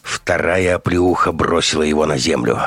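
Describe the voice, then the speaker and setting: Man narrating audiobook, low pitch, husky, measured, faint music. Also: a bit bright, no echo. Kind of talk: scripted narration.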